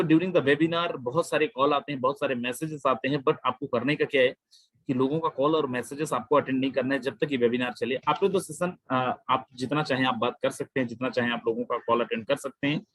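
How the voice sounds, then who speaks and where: A man hosting an online webinar, pitching a plan with emphatic, repetitive persuasive talk that mixes in English phrases. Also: no echo, low-quality recording. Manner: emphatic, repeats phrases, addresses listeners as my friend. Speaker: webinar host presenting a crypto plan.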